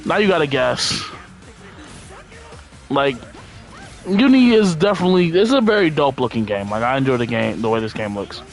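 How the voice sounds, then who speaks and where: Male game streamer, medium pitch, laid-back and slangy, sweary, rambling casual commentary, music underneath. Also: animated, normal speed, long pauses. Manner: rambling, thinking out loud while playing.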